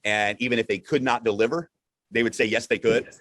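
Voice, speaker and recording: A man hosting a live broadcast in an upbeat, conversational way, often halting and repeating words as he goes. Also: mid-range voice, steady tone, fairly bright tone, dry recording. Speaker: host.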